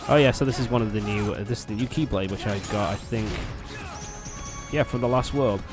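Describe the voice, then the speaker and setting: A young man, fairly low-pitched and brisk, gets through a cold while casually narrating his game with rambling, foul-mouthed remarks as a let's play host. Loud game music runs in the background.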